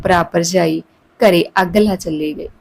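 A woman's voice: fairly low pitch, measured pace, vocal fry, a little mellow, low-quality recording. Woman reading a family story aloud. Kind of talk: scripted story narration.

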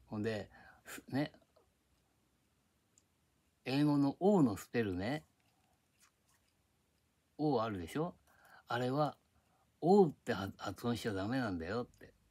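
A man's voice: medium pitch, lively intonation, a little slow, long pauses, mellow, husky. An older man from Japan rambling in a casual, grumbling monologue, recorded at home on a tablet. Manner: grumbling, chatty, drifting between topics. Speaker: vlogger. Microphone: tablet microphone.

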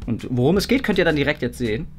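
A man in his thirties hosts an online video, chatting casually in vlog style as he moves through indoor office rooms and a stairwell. His rather high voice is sing-song and racing, caught on a handheld or propped vlog camera with slight background noise. The room echoes and loud music plays behind him.

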